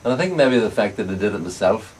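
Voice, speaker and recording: A man's voice: lowish voice, expressive, fast, a little mellow. An older Northern Irish man with an Ulster accent, reminiscing casually as he answers interview questions. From Northern Ireland. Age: older, around 70 or above. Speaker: bicycle frame builder and veteran club racing cyclist being interviewed. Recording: distant mic, clear background noise.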